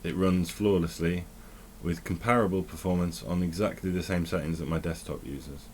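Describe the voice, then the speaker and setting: A man's voice: sits low, steady tone, moderate pace, a little mellow, a little hiss or hum. A man giving casual, rambling commentary while playing a game, often correcting himself and thinking aloud. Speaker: tech vlogger.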